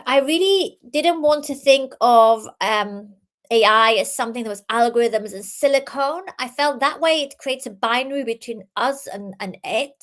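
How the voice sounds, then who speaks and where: A woman's voice: high-pitched, a bit bright. Earnest woman speaker. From Iran, raised in the UK. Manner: many filler ums and restarts, earnest. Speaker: author and innovation speaker. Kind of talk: talk presentation.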